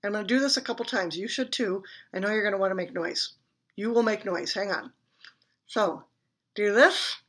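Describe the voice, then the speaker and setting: A woman gives a beginner clarinet lesson with a bright, clear tone. Her delivery is friendly and chatty, and she laughs at her own slips as she demonstrates. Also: medium pitch, normal speed. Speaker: clarinet teacher. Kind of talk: instructional demonstration.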